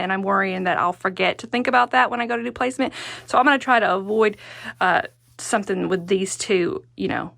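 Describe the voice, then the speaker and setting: A woman's voice: mid-range voice, creaky, fairly bright tone, no room sound. A woman giving a casual hands-on craft tutorial as the instructor, chatty and musing, often talking to herself as she goes. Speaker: quilting instructor and host.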